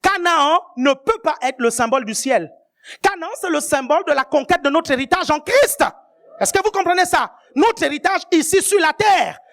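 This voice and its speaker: High-voiced emphatic woman preaching. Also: animated, normal speed. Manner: emphatic, often checks that the congregation is following; rises to shouted emphasis on key points. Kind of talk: sermon.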